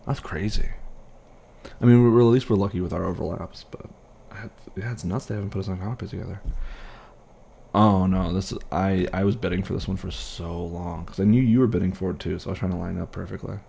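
A man playing an easygoing airline pilot, chatting casually and haltingly with a colleague in a one-sided role-play. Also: low voice, fairly even intonation, gravelly, mellow, slight background noise. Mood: friendly, excited. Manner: casual, halting, reassuring co-worker chat.

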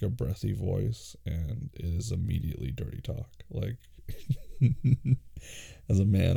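A man hosting a casual, intimate question-and-answer show, relaxed and soft-spoken, sometimes dropping into a hushed reading voice. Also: lowish voice, vocal fry, husky. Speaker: podcast host answering listener questions.

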